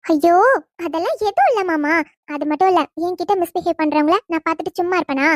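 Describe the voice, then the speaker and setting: A feisty, sporty college girl from a cartoon, voiced by a woman. Her voice sits very high and childlike, close to the mic with no room sound. She talks back boldly and bristles at teasing. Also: fast talker, dry recording. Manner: sassy and bold, turns tearful when hurt. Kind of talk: cartoon voice acting.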